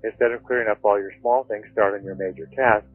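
A man's voice: fairly low pitch, steady tone, fast, no room sound, soft background music. A man giving conversational productivity advice in a methodical, instructive way, heard through a telephone-like line. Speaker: productivity author and speaker. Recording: dry, tinny phone-like line.

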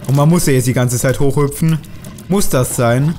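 A man's voice: medium pitch, normal speed, dark tone, soft background music. A man commenting on his own play in a let's play, chatty, grumbling and swearing at enemies as he goes. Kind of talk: gaming commentary.

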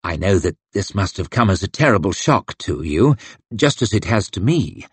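A male narrator voicing a nervous young nobleman who speaks earnestly and haltingly. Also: low-pitched, very animated, breathy edge, no echo, full character voice.

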